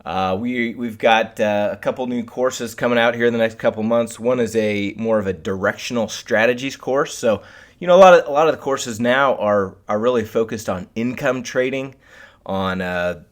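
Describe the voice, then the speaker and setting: A man's voice: fairly low pitch, moderate pace. A man hosting a live instructional webcast in a casual style, addressing his viewers directly. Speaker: host of a live trading webcast.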